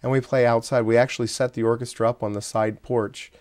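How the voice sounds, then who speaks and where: A man's voice: mid-range voice, flat delivery, a little mellow. Friendly man, a conductor as interview guest. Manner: friendly, explanatory, slightly halting. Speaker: symphony conductor.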